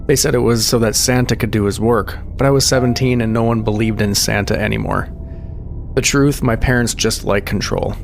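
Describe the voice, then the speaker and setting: A man reading a scripted horror story in a measured, suspenseful storytelling manner. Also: on the low side, fairly even intonation, vocal fry. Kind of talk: scripted scary story narration. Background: music under the voice.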